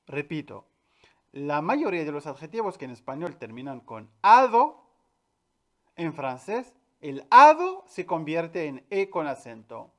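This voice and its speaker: A man teaching a French pronunciation lesson, clear and patient, repeating each example word slowly and with stress. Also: on the high side, very animated, sharp tone. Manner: addresses viewers directly, with filler "eh". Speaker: language teacher.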